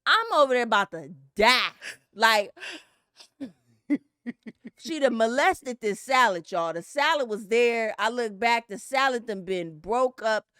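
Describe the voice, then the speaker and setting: A woman with an Inland Empire California accent co-hosting a podcast, telling stories loudly and swinging her voice through big impressions. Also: fairly high pitch, measured pace, clean tone, no echo, studio quality. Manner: loud, animated storytelling with big voice swings. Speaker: podcast co-host. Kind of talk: casual comedic chat.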